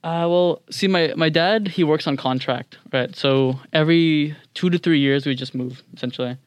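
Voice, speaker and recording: Clear-voiced young man, standard American accent. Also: a little high, normal speed, no room sound. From several countries across Latin America, Asia, Europe and the US. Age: young adult. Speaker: podcast guest, international student. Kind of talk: casual interview chat.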